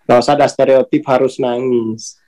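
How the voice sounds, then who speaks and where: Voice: mid-range voice, steady tone, moderate pace, mellow, low-quality recording. A speaker on a spiritual channel giving a casual talk, informal and colloquial, often laughing between points. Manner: colloquial, with many tag words at sentence ends.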